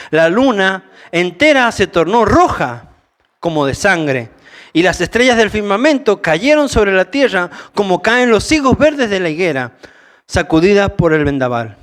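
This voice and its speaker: Rioplatense guy preaching casually, kinda high voice, reads scripture then chats about it. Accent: Rioplatense Spanish. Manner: informal, animated, mixes reading with asides. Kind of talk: conversational sermon with Bible reading.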